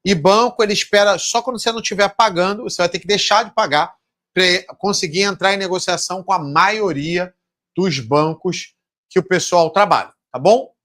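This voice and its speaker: A man's voice: high-pitched, moderate pace, a bit bright. A man with a Brazilian accent coaching supermarket owners in a live seminar, blunt and swearing, acting out talks with suppliers and banks. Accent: Brazilian Portuguese. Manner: blunt, swears, acts out dialogues.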